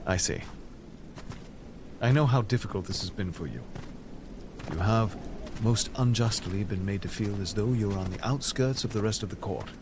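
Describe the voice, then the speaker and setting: A man's voice: fairly low pitch, normal speed, long pauses, background noise, close to an everyday voice. An actor playing a noble, fatherly king in an audio drama, speaking formally and kindly. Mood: gentle, regretful.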